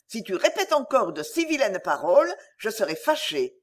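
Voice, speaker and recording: A tender young foster mother, as a woman reader voices her in a storybook reading, soft and persuasive yet easily dismayed. Her lively delivery rises with alarm. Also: fairly high pitch, moderate pace.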